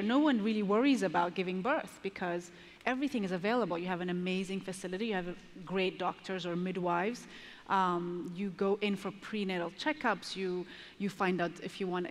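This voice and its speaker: An Ethiopian woman in her thirties, a maternal health advocate, answers earnestly and thoughtfully as a panelist on a large conference stage, pausing and restarting as she thinks. Her voice is lowish, picked up by a headset mic in a reverberant hall with long reverb and slight background noise.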